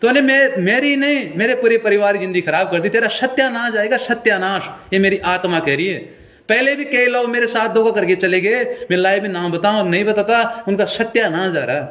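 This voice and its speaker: A man's voice: sits high, a little fast, fairly bright tone. A male folk singer with a Rajasthani accent, delivering an angry, confrontational appeal on a live stream and repeating his challenges.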